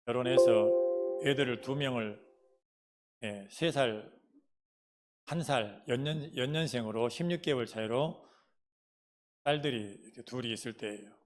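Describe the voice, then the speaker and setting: A middle-aged male pastor with a Jeolla dialect preaches in a down-to-earth, storytelling way. His voice sits at an ordinary mid-range pitch, and he often turns to his listeners with questions while recounting his own hardships. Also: unhurried, pauses often, soft background music. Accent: Jeolla Korean dialect. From Jeolla province, Korea. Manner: folksy storytelling, asks the congregation questions. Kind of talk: sermon with personal testimony.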